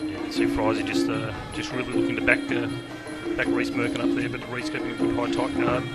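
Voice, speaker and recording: Australian male fight commentator over loud music. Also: medium pitch, fast. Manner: conversational, excitable at big moments. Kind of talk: live Muay Thai commentary.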